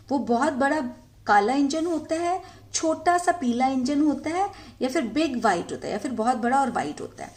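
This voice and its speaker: A woman teaches young children, with a fairly high voice that rises and falls a lot. She reads each line slowly and carefully and checks in often as she goes. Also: a little mellow. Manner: slow, careful reading of English lines, repeats "ठीक है" often. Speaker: English teacher. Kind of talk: Hindi-explained English lesson for young children.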